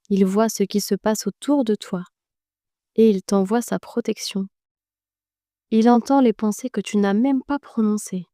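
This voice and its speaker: A woman narrating a guided meditation in a slow, gentle and soothing way, speaking directly to the listener. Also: mid-range voice, no echo, clean studio sound.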